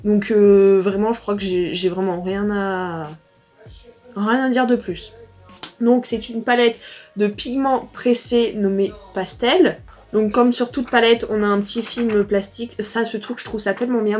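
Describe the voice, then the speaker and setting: A teenage girl from France chatting casually through a makeup palette review, rambling with fillers and self-corrections. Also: on the high side. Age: teens. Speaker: beauty vlogger.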